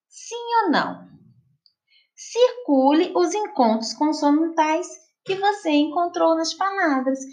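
A woman teacher with a Brazilian Portuguese accent, patiently explaining homework exercises to children in a slow, sing-song classroom voice. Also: high voice.

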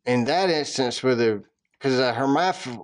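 A man with a Southern accent co-hosts a podcast, bantering in a dry, self-deprecating way during casual chat. His voice is mid-range and a little slow.

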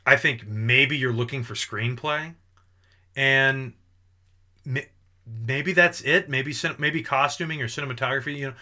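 Brief: male podcast co-host, very bright voice, lively and jokey, talks through false starts. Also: medium pitch, unhurried. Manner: animated, laughs easily, restarts sentences. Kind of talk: casual movie podcast chat.

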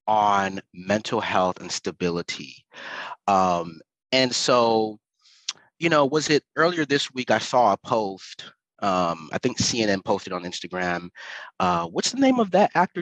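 A man's voice: lowish voice, fairly bright tone, dry recording, low-quality recording. American guy hosting a podcast, casual chat, really dry close recording. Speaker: podcast host.

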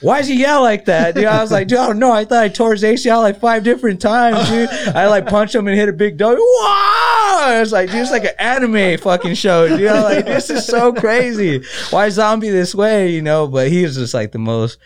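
A man's voice: high-pitched, fast talker, hardly any pauses, crowd noise. A man, a fighter, chatting casually on a podcast, swearing a lot, laughing often and acting out what people said in a raised voice. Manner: profane, laughs often, acts out quoted exchanges in a raised voice. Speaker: fighter guest.

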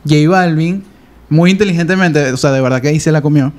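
A man's voice: on the high side, a little fast, a little mellow. A man co-hosting a casual chat, playfully recapping a story. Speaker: podcast co-host.

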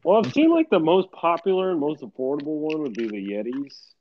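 Podcast cohost dude, crude jokes, giggles, muffled audio w a bit of hiss. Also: male voice, fairly high pitch, wildly swooping pitch, brisk. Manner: crude jokey banter, giggly. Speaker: podcast co-host. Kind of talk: casual comedic chat.

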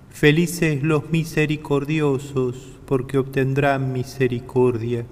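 Priest guy reading scripture real slow and flat, big church echo all around. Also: mid-range voice. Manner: slow, even, solemn delivery. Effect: long church reverb. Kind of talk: liturgical gospel reading. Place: large church. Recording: echoey church, long reverb.

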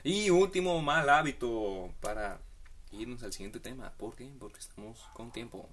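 A man's voice: medium pitch, lively intonation, normal speed, fairly bright tone. A man hosting a comedic monologue, giving rambling, slangy advice with playful asides.

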